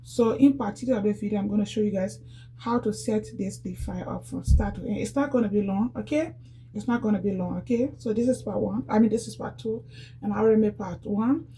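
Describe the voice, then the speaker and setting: Speaking briskly in a mellow, mid-range voice, a Liberian woman demonstrates cleaning in a casual vlog, repeating herself and calling viewers "guys." The low-quality recording has slight background noise along with music.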